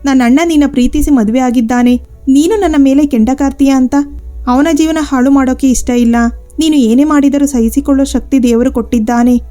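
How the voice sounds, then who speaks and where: High-voiced woman storyteller. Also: a little fast, warm tone, faint music behind. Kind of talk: scripted first-person story narration.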